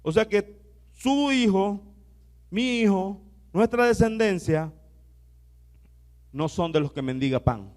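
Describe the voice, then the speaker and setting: High-voiced male pastor preaching. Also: lively intonation, takes it slowly, long pauses. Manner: exhorting, has the congregation repeat phrases aloud; shifts between soft asides and loud declarations. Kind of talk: sermon with call-and-response.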